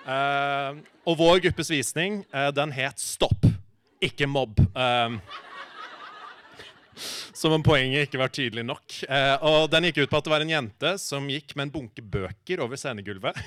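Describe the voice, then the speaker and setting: A man telling a humorous personal anecdote in a halting, animated way, full of filler sounds and acted-out quotes. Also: medium pitch, no room sound. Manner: acts out quoted lines in shifting voices.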